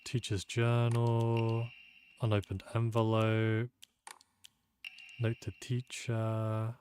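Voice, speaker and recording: In this casual let's-play, a streamer thinks through a puzzle with a lowish, slightly mellow voice and completely flat delivery, talking very slowly. He sounds sleepy and pokes fun at himself, over slight background noise.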